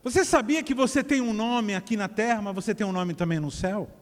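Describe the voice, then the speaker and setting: A male pastor preaches in a high voice, casual and joking with his congregation while stumbling over and repeating words. His sermon rings with the long echo of a church hall. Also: brisk.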